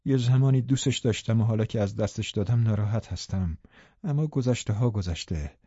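A man softly voicing a bitter dying young woman. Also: fairly low pitch, breathy edge, no echo, highs cut off. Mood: bitter, reproachful.

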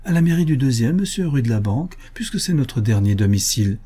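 A man's voice: medium pitch, very animated, brisk, mellow, breathy edge. Man putting on a stammering timid old servant. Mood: eager. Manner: stammering, pleading. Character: timid faithful aging male servant. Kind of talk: audiobook character voice.

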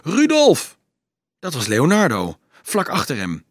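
Male narrator for a dramatic audiobook; animated reading, a touch husky. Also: medium pitch, measured pace, dry recording, studio quality. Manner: dramatic, expressive reading that acts out the shouts. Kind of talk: scripted narration.

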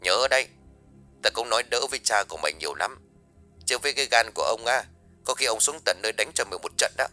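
A man voicing an anxious middle-aged mother on the phone who scolds her son in a hushed, rapid complaint. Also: on the low side, expressive, soft background music. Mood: exasperated.

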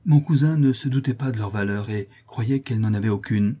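A man's voice: lowish voice, brisk, dark tone, slightly rough. A man reading an audiobook who voices an earnest, anxious young woman who speaks hesitantly and explains herself. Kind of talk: audiobook character voice.

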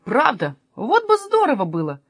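A woman's voice: lowish voice, brisk, a bit bright, no room sound, clean studio sound. A woman doing a glum robber man. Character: gloomy male robber, easily worried. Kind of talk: storybook reading.

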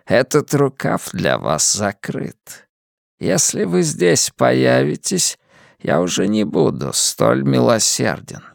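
A frail old man with a faint, rustling, gravelly voice, as a male narrator puts him on. He drags out each phrase with chilling courtesy. The read is close and dry, with no room around it. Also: medium pitch, sing-song, no echo, heavily acted. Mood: cold menace. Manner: slow, measured, coldly polite. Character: frail old man, cold, menacing villain.

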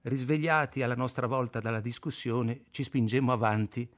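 A man reading a novel aloud as an audiobook, measured and expressive, slowing down on names. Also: medium pitch. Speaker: audiobook reader.

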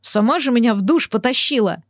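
A woman's voice: a little high, expressive, fairly quick, dry recording, studio quality. Woman playing a sheepish hungover male boss. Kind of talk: audiobook character voice.

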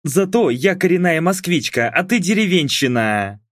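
A man putting on a shrill, nagging middle-aged mother. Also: big pitch swings, moderate pace, a bit bright, no room sound, clean studio sound. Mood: indignant. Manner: shrill, indignant and scolding.

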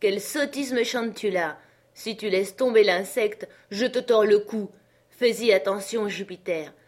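A woman voicing a feverish gentleman who gives urgent, impatient commands. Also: medium pitch, a little slow, natural voice. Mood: commanding.

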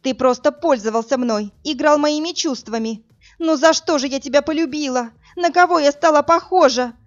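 Audiobook woman voicing a desperate young woman, tearful, raised high voice, slightly muffled recording. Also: normal speed, natural voice. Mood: furious. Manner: tearful and pleading, then screaming in anger.

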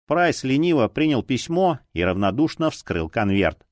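A man narrating a detective story in a measured, expressive reading. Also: medium pitch, no echo, clean studio sound. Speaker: audiobook narrator. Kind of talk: scripted narration.

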